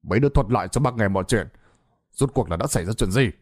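A man voicing a calm, authoritative village chief in a spoken tale, firm and commanding. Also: on the low side, quick pace, no echo, studio quality.

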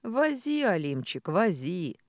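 A woman's voice: lowish voice, sing-song, normal speed, dry recording, studio quality. A woman voicing a jolly bearded village man. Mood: jovial teasing. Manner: laughing, loud.

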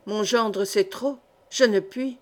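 A woman's voice: medium pitch, slow, close to an everyday voice. A woman reading the part of a nervous, greedy older male royal official in an audiobook, stammering and hesitant. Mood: refusing.

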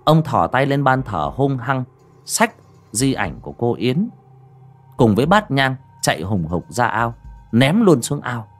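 A man with a husky, breathy voice narrates a horror story, his pitch rising and falling with lively drama. Faint music plays behind him. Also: unhurried. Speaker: audiobook narrator.

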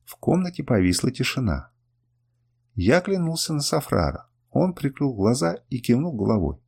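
Guy reading an audiobook in first person, lots of pitch movement, expressive. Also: moderate pace, creaky, slightly rough. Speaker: audiobook reader.

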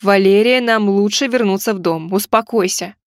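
A woman voicing a grown werewolf pack leader who speaks calmly and domineeringly. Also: medium pitch, moderate pace, no room sound, studio quality, natural voice. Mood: commanding. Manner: calm, domineering.

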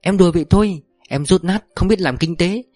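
A hot-tempered young wife from an audiobook story, put on by a male narrator, with a raised, shrill voice that snaps in jealousy and then melts into fawning apology. The reading is dry and close, with soft music underneath. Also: brisk, no echo, close to an everyday voice. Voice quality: shrill when angry, fawning when scared.

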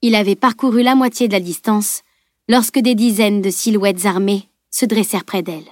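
A woman reading a fantasy novel aloud as an audiobook narrator, steady and expressive. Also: medium pitch, normal speed, dry recording, clean studio sound.

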